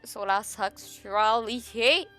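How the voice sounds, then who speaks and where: A young woman with a Québécois French accent chats on a live stream, joking and answering her viewers. Her voice sits a little high, and she keeps the talk loose and teasing. Faint music plays behind her. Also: slow pace, fairly bright tone. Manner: joking, chatty, laughs often, answers chat. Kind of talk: casual live-stream chat.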